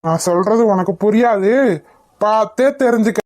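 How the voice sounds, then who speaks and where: A woman's voice: mid-range voice, normal speed, a little mellow, lightly acted. Sly menacing captor, a woman voicing her. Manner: threatening, sly. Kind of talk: cartoon voice acting.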